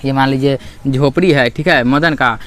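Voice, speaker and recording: A man's voice: medium pitch, moderate pace, fairly bright tone. A man explaining a school literature chapter as a teacher, asking and answering his own questions over and over.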